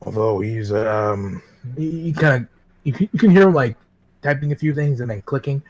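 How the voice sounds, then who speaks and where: A man narrating a tabletop game as its game master, in an ordinary middle-pitched voice. His delivery is relaxed and casual, wandering a little as he explains. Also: moderate pace. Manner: relaxed, casual, a bit rambling.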